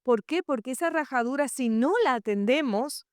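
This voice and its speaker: Clear-voiced woman preaching. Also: sits high, expressive, moderate pace, no echo, studio quality. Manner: explanatory, asks the audience questions. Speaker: co-speaker, pastor's wife. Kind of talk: sermon.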